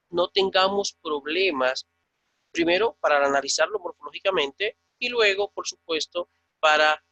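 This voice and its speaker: A man with a Dominican Spanish accent teaching Biblical Greek in an online class, slowly drilling and repeating each word. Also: a little high, creaky, bright, forceful tone, no room sound. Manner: slow, repetitive drilling of words.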